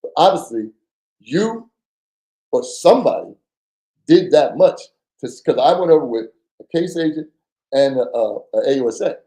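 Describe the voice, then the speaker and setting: A middle-aged man with a fairly high but warm, mellow voice tells stories as a podcast guest. He acts out every exchange and drops casual curses along the way. The room is echoey. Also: normal speed, pauses often. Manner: animated, acts out quoted dialogue, swears casually. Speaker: podcast guest, former undercover agent. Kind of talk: casual storytelling interview.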